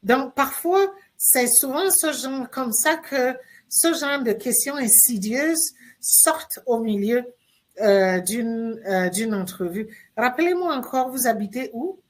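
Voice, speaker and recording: A woman's voice: a little high, slow. A woman career coach, giving spontaneous advice with many hesitations and restarts. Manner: hesitant, frequent "euh" fillers and restarts. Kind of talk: spontaneous instructional talk.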